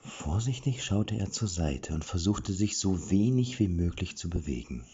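A man reading a fantasy story aloud, expressive, with occasional slips and restarts. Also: deep voice, moderate pace, husky, highs cut off.

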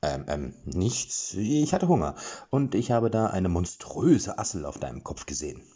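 A man's voice: low-pitched, sing-song, moderate pace, dark tone, slightly rough, lo-fi sound, heavily acted. A man voicing a young male hero who stammers through awkward excuses, reading a storybook. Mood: sheepish. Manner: stammering, sheepish.

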